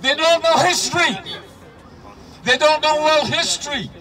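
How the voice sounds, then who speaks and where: A man's voice: very high voice, unhurried, pushed and bright, distant mic, soft background music. A man giving an impassioned, declamatory protest speech in a rhetorical style, as if leading a crowd. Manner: rhetorical, declamatory, leads chants. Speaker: protest speaker. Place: outdoors at a street protest. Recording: outdoor rally PA, street noise.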